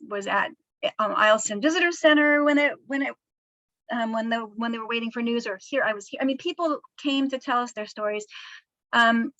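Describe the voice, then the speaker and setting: Woman author, higher voice, halting storyteller, dull dry lo-fi sound. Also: no echo. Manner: soft-spoken, halting with frequent fillers. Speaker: author discussing her book. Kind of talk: casual storytelling interview.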